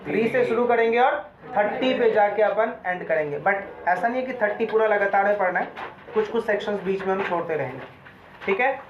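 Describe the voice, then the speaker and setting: A man with a high, animated voice lectures fairly quickly on law, mixing Hindi and English terms and quizzing students he calls "beta." A little hiss or hum is audible. The room echoes, and the sound is dull and lo-fi.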